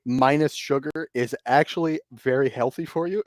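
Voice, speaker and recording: A man co-hosting over an online call, excitable and prone to loud exclaimed asides. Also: medium pitch, normal speed, dry recording, clean studio sound. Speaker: podcast co-host. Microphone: remote call mic, cutting out.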